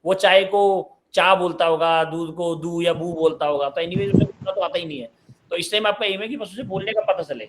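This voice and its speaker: A man in his twenties from Uttar Pradesh, India, runs a live online parenting session, his voice slightly high for a man and a touch bright. He reads viewers' questions aloud and then answers them in a relaxed, chatty manner.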